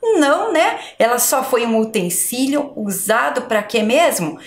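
A woman teacher slowly sounding out syllables and letters for young children in a spelling lesson. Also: fairly high pitch, lively intonation. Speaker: schoolteacher. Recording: echoey room.

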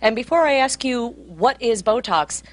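A woman reporting a TV segment, joking and asking quick questions. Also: on the high side, lively intonation.

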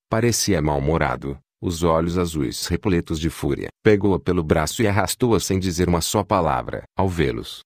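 A man narrating an audiobook in a steady, measured reading on a close mic. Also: low voice, no room sound. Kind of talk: scripted narration.

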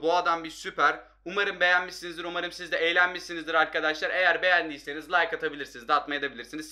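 A young man giving excitable, frustrated live commentary on his football video game, talking straight to his viewers. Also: a little high. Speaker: gaming youtuber.

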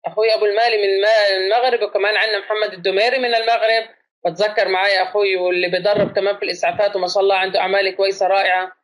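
Fast-talking high-voiced male trainer. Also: little pitch movement, a bit bright. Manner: quizzes the class with questions; mixes dialect with formal Arabic. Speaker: first aid trainer. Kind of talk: online lecture.

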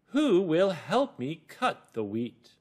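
A man voicing a determined, hard-working female hen from a storybook, with emphatic, carefully drawn-out words. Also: fairly high pitch, huge pitch swings, slightly rough, voice pushed up, heavily acted. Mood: asking hopefully.

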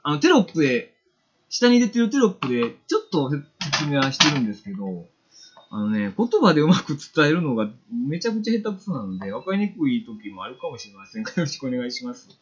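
A man's voice: mid-range voice, big pitch swings, fast talker, lo-fi sound, slight background noise. A man with a Kansai accent giving a casual, chatty watercolor painting demo on a live stream, reading viewer comments aloud.

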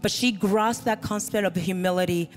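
A middle-aged woman pastor with a mid-range voice preaches a sermon on a large church stage, a band behind her and a handheld mic in hand. She speaks with earnest emphasis in a steady tone at normal speed, and the reverberant hall carries music.

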